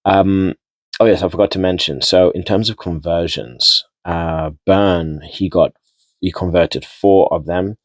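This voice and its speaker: A man's voice: deep voice, a little slow, no echo. A man giving a casual, rambling rugby match recap, repeating and restarting words as he goes. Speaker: rugby vlogger.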